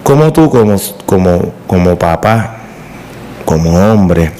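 A man's voice: deep voice, very animated, slow, dark tone, slight background noise. A man with a Puerto Rican accent hosting a podcast, asking questions and chiming in with sympathetic exclamations. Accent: Puerto Rican Spanish. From Puerto Rico. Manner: supportive interviewer, interjects, exclaims in sympathy. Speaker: podcast host. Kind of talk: casual interview.

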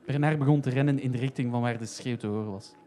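A man narrating a comic story in a steady, even way. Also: mid-range voice, fast talker.

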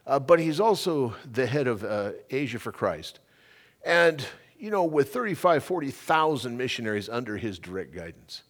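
Animated man preaching a sermon. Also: mid-range voice, moderate pace. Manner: animated, emphatic preaching with repeated phrases. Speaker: pastor.

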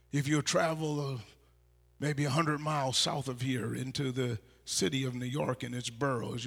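Bishop, raspy and gravelly, slow deliberate sermon delivery in a reverberant church hall. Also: male voice, medium pitch. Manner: slow, deliberate preaching that rises to loud exhortation. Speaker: bishop preaching. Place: church sanctuary.

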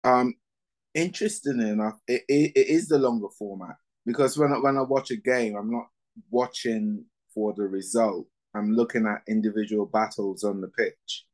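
A man in his fifties who grew up in Barbados answers interview questions as a former cricketer and coach. His voice sits a little low. He speaks in a measured way and fills his pauses with "um" and "you know.". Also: a little mellow, low-quality recording. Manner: measured, with frequent fillers.

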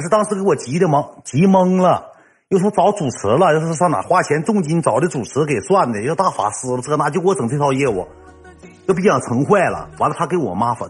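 A man with a Northeastern Mandarin accent telling a comic personal story in a rough, slangy ranting way. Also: mid-range voice.

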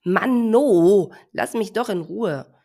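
A woman's voice: on the low side, expressive, takes it slowly, gravelly, full character voice. A woman voicing a timid young male elephant calf who talks shyly and sulkily, dodging words with a T. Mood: sulky. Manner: shy, sulky, avoids words with T.

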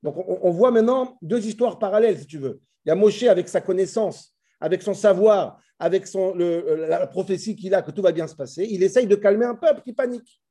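A man giving an animated scripture class. He recites verses and talks straight to his listeners with emphasis. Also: high voice, brisk. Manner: dramatizes dialogue, switches to Hebrew recitation; addresses listeners directly, emphatic. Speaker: Torah teacher.

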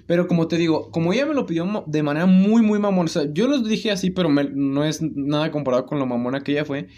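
A young man whose voice runs on the high side talks at a quick pace with a Mexican Spanish accent. In casual chat he tells an animated story full of slang, often breaking into laughter.

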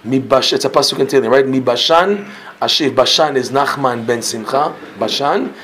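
A man gives a religious class as a told story, in a voice of middle pitch. He leans hard into key words, then drops to a low, quiet aside, slipping Hebrew and Yiddish terms into his talk and restarting phrases as he goes. A faint hiss of background noise sits under him. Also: moderate pace. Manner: animated, swings between loud emphasis and low quiet asides; sprinkles Hebrew and Yiddish terms, self-corrects mid-sentence. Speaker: Torah class teacher.

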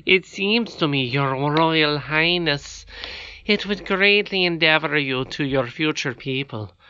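A man's voice: on the high side, pushed and bright, smooth, highs cut off. A man doing a sly, oily goblin counselor. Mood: unctuous. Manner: unctuous, measured.

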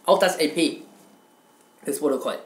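A man's voice: on the high side, normal speed, roomy sound. A man giving a casual, rambling video reply about a video game, who keeps addressing his viewers as "Kunstfreunde" and swears casually. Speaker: gaming video host.

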